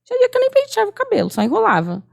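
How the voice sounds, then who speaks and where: Gravelly Brazilian woman sharing her story. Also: extremely high pitch, wildly swooping pitch, racing, a little mellow. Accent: Brazilian Portuguese. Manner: earnest storytelling, acts out remembered dialogue. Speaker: podcast guest. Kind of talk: emotional testimony in casual chat.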